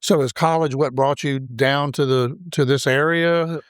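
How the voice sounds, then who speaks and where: A man hosting a podcast interview, upbeat and encouraging with quick interjections. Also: mid-range voice, steady tone, clean tone, no room sound, studio quality. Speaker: podcast host. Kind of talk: casual interview.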